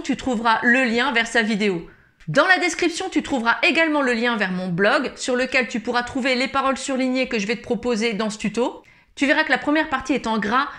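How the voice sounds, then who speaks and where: A woman calmly explaining ukulele chords and strumming step by step in a tutorial. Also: fairly high pitch. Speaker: ukulele teacher.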